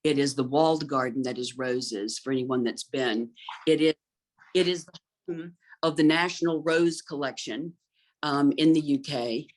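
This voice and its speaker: At a normal speed and in a low voice, a middle-aged interior designer talks conversationally about gardens. She comes across as thoughtful and fluent, though she says "um" often.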